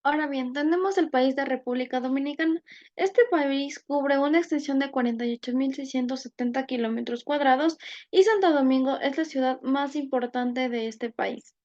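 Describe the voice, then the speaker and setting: A woman's voice: sits high, normal speed, darkish tone, muffled recording. A woman giving a class presentation, reading out examples one by one in a methodical way.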